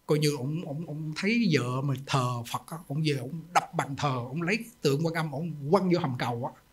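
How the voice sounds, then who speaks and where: A man preaches as a Buddhist monk, telling homely stories and tossing out rhetorical questions. His voice sits fairly high for a man and carries a husky grain. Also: normal speed. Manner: emphatic, folksy storytelling with rhetorical questions. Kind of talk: sermon.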